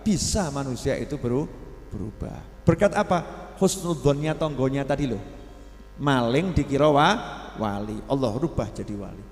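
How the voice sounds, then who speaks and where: A man's voice: medium pitch, moderate pace. A man preaching a sermon, asking the congregation questions and briefly acting out the people he quotes. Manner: animated, acts out quoted voices, asks the audience questions. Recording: echoey hall.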